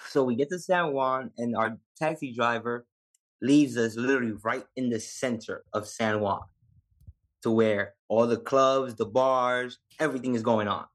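A man's voice: mid-range voice, moderate pace. New York Puerto Rican man telling stories. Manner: lively, laughs often, street slang. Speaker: podcast guest, Navy veteran. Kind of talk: casual storytelling.

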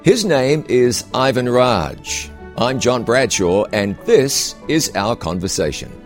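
A man who is a pastor and host, interviewing a guest with curious, quick follow-up questions and frequent restarts. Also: medium pitch, expressive, over music.

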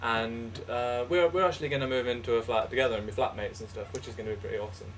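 A young man co-hosting a podcast, telling absurd stories in a deadpan way with frequent restarts. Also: mid-range voice, quick pace, slight background noise. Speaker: podcast co-host. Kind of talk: casual comedic chat.

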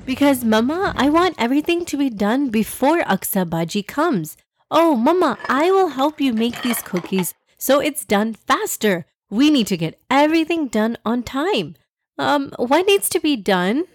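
A woman voicing an eager, earnest, rushed young girl in a children's story. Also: high-pitched, big pitch swings, slight background noise, pitched above the performer's own voice. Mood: anxious, eager. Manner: hurried, earnest. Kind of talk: children's story character dialogue.

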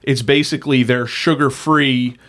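A man co-hosting a casual podcast, explaining slowly and deliberately with ums. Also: mid-range voice, fairly even intonation, a bit bright. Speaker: podcast co-host. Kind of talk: casual tasting chat.

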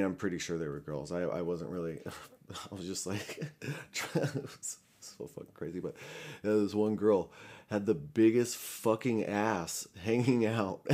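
A man's voice: low-pitched, dark tone. A man casually telling a story, rambling with many fillers and restarts and swearing a lot.

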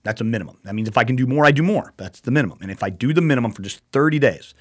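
A man's voice: mid-range voice, animated, racing. A man hosting a casual talk show, rambling and repeating himself with emphasis and the odd swear word. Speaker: show host.

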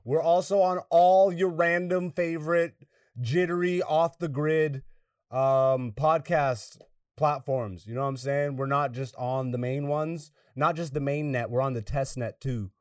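A brash male podcast host jokes and curses his way through casual banter. His voice sits a touch high. The sound is dry, with the mic slightly distant. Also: steady tone, unhurried, no room sound. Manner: brash, profane, joking.

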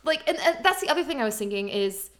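Bright, opinionated woman co-host. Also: high voice, sing-song, fast. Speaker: podcast co-host. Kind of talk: casual chat.

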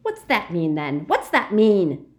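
Lady doing a wheezy giggly bully guy, yells and jeers a lot. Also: fairly high pitch, very animated, unhurried, pitched above the performer's own voice. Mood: yelling. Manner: jeering, yelling, violent.

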